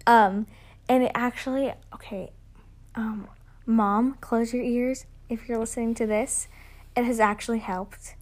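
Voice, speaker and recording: Teen girl podcast co-host, higher voice, rambling and giggly, phone-recorded. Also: steady tone, unhurried. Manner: rambling, giggly, many fillers and restarts. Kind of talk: casual chat.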